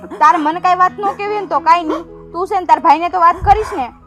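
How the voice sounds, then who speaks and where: A woman's voice: very high-pitched, fast, bright, forceful tone, faint music behind. An actress playing a village sister-in-law who chides the young woman and nags her husband in a village drama. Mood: chiding. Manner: chiding, nagging.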